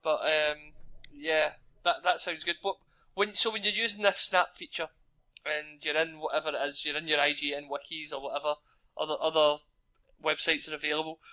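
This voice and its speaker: Glasgow guy hosting a games chat, bright kinda high voice, casual. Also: fairly even intonation, moderate pace. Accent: Glaswegian. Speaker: podcast host asking questions. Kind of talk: casual chat about gaming.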